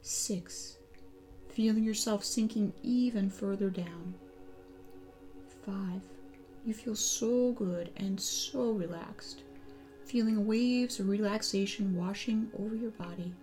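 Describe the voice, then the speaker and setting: A woman leads a hypnosis relaxation session in a slow, soothing, repetitive way, sometimes dropping to a near-whisper. Her voice is warm and mellow, sitting at an ordinary pitch. Soft music plays faintly behind her. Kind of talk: guided hypnosis relaxation script.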